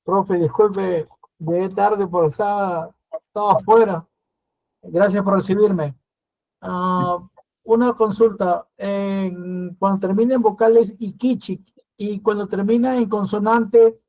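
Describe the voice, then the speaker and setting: A man's voice: high-pitched, steady tone, slow, darkish tone, muffled recording. A male student on a video call, asking his teacher polite, hesitant questions.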